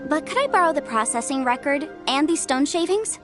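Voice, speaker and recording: An actress voicing a clever, confident young legal advisor in a video game, with a crisp and lightly amused manner. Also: female voice, sits high, animated, a little fast, over music.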